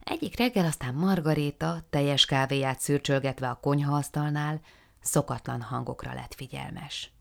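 A woman reading a children's storybook aloud in a soft, hushed, half-whispered manner. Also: low-pitched, creaky. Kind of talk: storybook narration.

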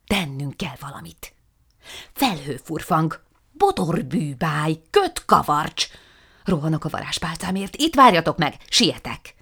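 A woman voicing an excitable, dramatic witch in a storybook reading, chanting spells with theatrical flair. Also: low-pitched, slightly rough, heavily acted.

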